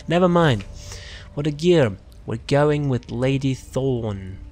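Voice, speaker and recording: There's slight background noise under this man's mid-range voice. He's casually narrating a character build for a gaming video, rambling, breaking into his own thoughts, and frequently trailing off.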